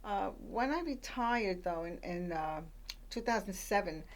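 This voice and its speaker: An older woman from Puerto Rico, raised in the Bronx, talks as a guest on a radio show. She tells her story casually, with plenty of fillers and restarts, and her voice is of middle pitch. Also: animated, a little slow. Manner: chatty, with many fillers and restarts. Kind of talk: conversational storytelling.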